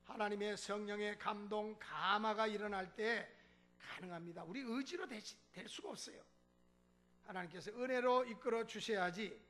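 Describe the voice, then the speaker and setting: This man's voice sits high and moves at a normal speed. He's a pastor giving a sermon in a church sanctuary, animatedly telling a story, voicing the dialogue himself, and chuckling along the way.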